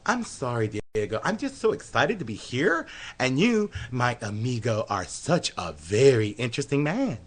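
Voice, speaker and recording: In a comedy radio sketch, a man plays a flamboyant, flirtatious male dance instructor who gushes giddily. His medium-pitched voice swings broadly in pitch at a normal speed.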